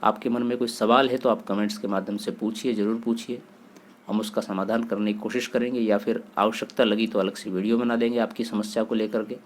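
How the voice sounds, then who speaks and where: A man's voice: on the low side, flat delivery, fairly quick, a little hiss or hum. Guy teaching grammar to exam students, reads off word pairs one by one, asks himself questions and answers them. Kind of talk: exam-prep grammar lesson.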